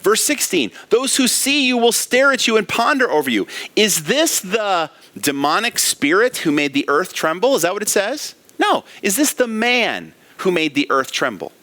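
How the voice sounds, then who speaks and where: A man's voice: sits high, big pitch swings, moderate pace, few pauses, bright, forceful tone. A man preaching an expository sermon as pastor, asking rhetorical questions and reading scripture with emphasis. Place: church.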